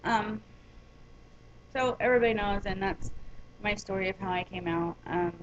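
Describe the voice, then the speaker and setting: A woman's voice: mid-range voice, moderate pace, highs cut off, slight background noise. A woman vlogger telling a personal story in a casual, rambling way, with many ums and restarts.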